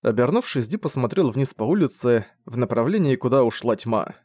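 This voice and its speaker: A man reads a novel aloud as the narrator, calm and steady. His delivery stays even through the prose. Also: medium pitch, a little fast, no room sound, studio quality. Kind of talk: audiobook narration.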